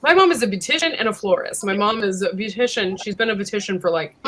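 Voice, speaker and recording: A woman's voice: mid-range voice, quick pace, crowd noise. A woman chatting casually on a livestream and telling friendly stories.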